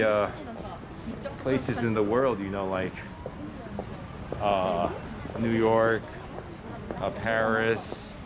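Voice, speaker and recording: A man vlogging outdoors by a city river and chatting with passers-by, hesitant with many filler uhs. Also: on the low side. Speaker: vlogger and street interviewer. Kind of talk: casual walking vlog and street chat. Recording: loud street and traffic noise outdoors.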